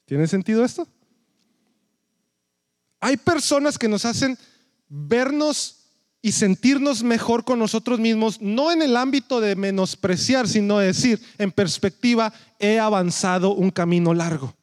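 A pastor with a very high-pitched, expressive voice preaches a little slowly, telling his sermon like a conversational story and repeatedly checking in with listeners. The studio-quality recording has no echo.

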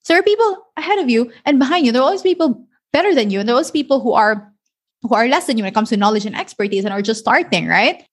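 A woman's voice: a little high, lively intonation, rapid-fire. A woman hosting a solo podcast, talking earnestly and encouragingly, often checking in with "right?". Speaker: podcast host and online business coach. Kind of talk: motivational solo podcast talk.

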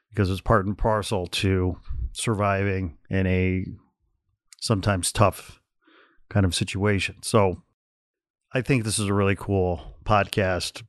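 A man's voice: low voice, dry recording, clean studio sound. A man hosting a podcast in casual chat, laid-back, with frequent fillers and restarts. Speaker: podcast host.

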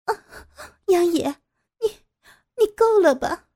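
A woman voicing a frightened captive teacher who stammers out high, tearful pleas. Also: lively intonation, slow pace, dark tone, full character voice. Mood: pleading, tearful.

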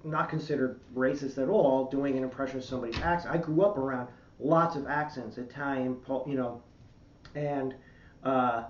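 A man's voice: medium pitch, fairly even intonation, normal speed, distant mic. A man talking as a comedian guest on a podcast, reflective and searching for words, often repeating himself. He sits away from the mic in a roomy space, and the sound is dull and lo-fi with faint hiss under it. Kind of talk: casual podcast interview.

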